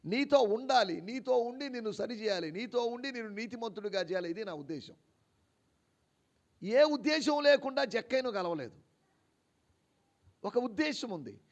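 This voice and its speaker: A male pastor preaching an animated sermon at a church service. He fires rhetorical questions at the congregation and swings between low quiet asides and raised, emphatic declarations. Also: normal speed, pauses often, dull audio.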